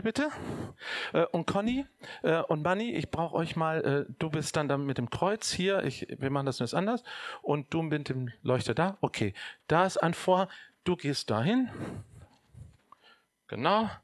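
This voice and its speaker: A man preaching a sermon, addressing his audience directly in a lively way. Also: fairly high pitch, moderate pace, no room sound.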